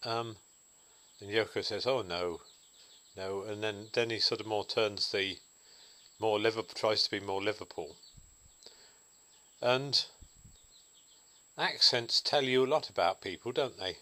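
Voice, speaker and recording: Thoughtful man musing aloud, bright voice. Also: on the low side, measured pace, long pauses. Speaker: vlogger. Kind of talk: reflective solo monologue.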